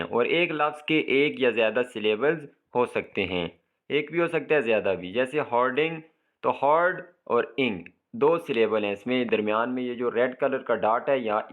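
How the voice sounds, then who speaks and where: A male teacher explaining an English lesson in Urdu, reading English slowly and then explaining it quickly. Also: mid-range voice. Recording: tinny phone-like audio.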